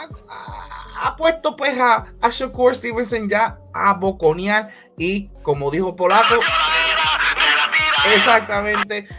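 A man hosting a casual boxing commentary vlog, talking in a lively, hyped way and repeating catchphrases. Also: sits high.

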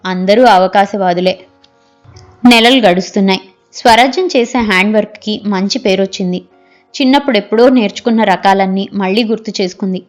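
A woman narrating a novel as an audiobook reader, in a steady storytelling manner. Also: medium pitch, fairly quick, soft background music.

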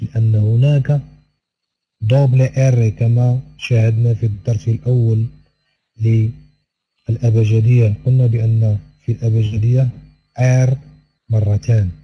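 A man with a husky, breathy voice teaches a language lesson at an unhurried pace. He repeats each word several times and draws out the vowels. The sound is dull and lo-fi. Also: mid-range voice. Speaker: Spanish teacher. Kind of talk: recorded online language lesson.

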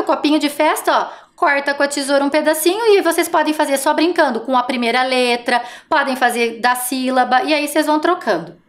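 Lively, high-voiced children's teacher woman. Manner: slow, patient, sounds out letters and syllables. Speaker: first-grade teacher. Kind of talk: televised classroom lesson for young children.

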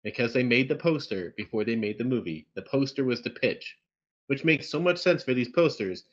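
A man's voice: medium pitch, animated, fairly quick, muffled recording. A man co-hosting a casual film review chat over a video call, talking in a dry, sarcastic way. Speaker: podcast co-host reviewing films.

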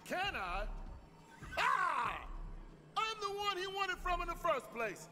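An actor playing a tough, swaggering male fairy guardian in a video game, gruff and full of exclamations. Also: very high voice, big pitch swings, slow pace, over music, full character voice. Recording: game audio with long reverb.

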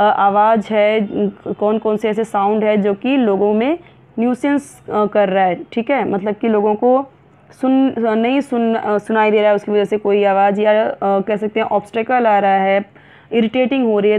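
A woman's voice: medium pitch, fairly even intonation, clean tone. Woman teaching, thin phone-like sound. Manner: reads English lines slowly, then explains in Hindi with frequent fillers. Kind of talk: classroom lesson explaining a textbook.

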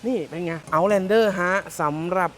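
A man's voice: sits high, a little slow, slight background noise. A man from Thailand giving a casual, joking walkaround of a pickup truck as a car salesman, often repeating himself. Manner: chatty and joking, repeats phrases.

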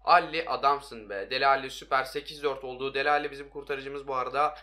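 A young man giving excitable, hoarse-voiced commentary on his own mobile football game, talking to his viewers and shouting at his players. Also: medium pitch, fast. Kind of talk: live gameplay commentary.

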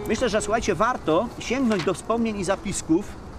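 A man in his fifties explaining local history to pupils out in a town, often pausing mid-sentence. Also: high-pitched, loud music behind the voice. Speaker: teacher guiding a group of pupils. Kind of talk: explaining to students on location. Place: outdoors in a town. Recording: faint street noise outdoors.

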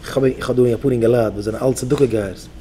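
Mellow-voiced rabbi exhorting his students. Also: medium pitch, steady tone, fast talker, slight background noise. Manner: exhorting, leads the crowd in call-and-response chants. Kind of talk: Yiddish sermon to yeshiva students.

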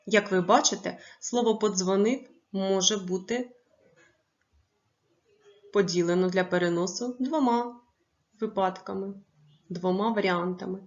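A woman teaching a primary school lesson, stressing each word slowly and clearly for young pupils. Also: medium pitch, dull audio. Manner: slow, clearly stressed dictation of words.

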